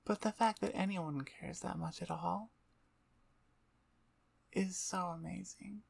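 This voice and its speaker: Speaking slowly in a lowish, steady voice with vocal fry, this ASMR performer and channel host rambles through a casual, self-deprecating outro. She's on the floor before a computer desk, with the microphone roughly twelve inches off at eye level.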